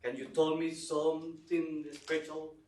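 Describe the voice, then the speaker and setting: A man's voice: a little high, completely flat delivery, measured pace, a little mellow. A man from Chile in the audience, asking a question in simple, careful phrasing. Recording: roomy echo, distant mic.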